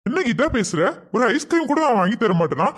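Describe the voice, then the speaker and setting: A performer acting a soft-spoken, coaxing man who spoils a child in a comedy sketch. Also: medium pitch, sing-song, fast. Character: sweet-talking man doting on another woman's child.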